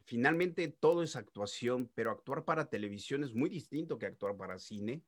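A middle-aged man, a voice actor telling stories in an interview, animated and full of sound-effect interjections. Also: medium pitch, normal speed, dry recording, studio quality. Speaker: voice actor guest. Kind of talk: casual interview storytelling.

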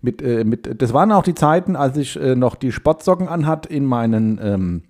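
A man in his forties, a podcast co-host, telling a long casual story in a rambling, halting way full of fillers and restarts. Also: medium pitch, animated, a little mellow.

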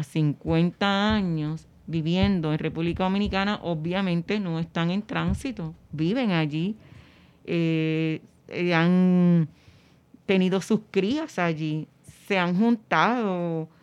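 A woman explaining things in an interview, haltingly and searching for words. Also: fairly low pitch, clean tone, lo-fi sound.

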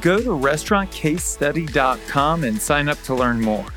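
A man's voice: a little high, animated, normal speed, fairly bright tone, soft background music. Punchy man hosting a podcast. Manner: direct, punchy delivery with rhetorical questions. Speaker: podcast host. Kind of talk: scripted podcast intro and interview questions.

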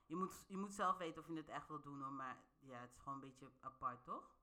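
Her voice is low, brisk and sharp. She's a vlogger chatting directly to her viewers in a casual, playful monologue, laughing often and asking questions to make sure they're following along.

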